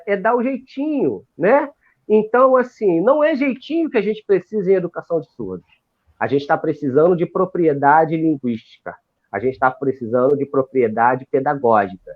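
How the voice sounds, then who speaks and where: A man educating deaf students gives an animated, lecturing explanation in a live video call, with frequent restarts. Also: sits high. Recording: tinny phone-like live stream audio.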